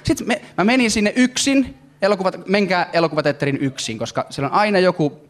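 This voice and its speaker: A man performing a stand-up comedy routine on stage, talking in animated, excitable bursts. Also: high voice. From Finland. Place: comedy stage before a live audience.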